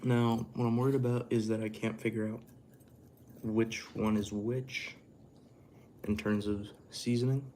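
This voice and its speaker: A man with a lowish voice and little melody talks casually to his livestream while cooking and eating. He rambles and drops in easy swear words. Clear background noise sits behind him. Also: level tone, measured pace, pauses often, dark tone. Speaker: livestream host. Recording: clearly noisy room ambience.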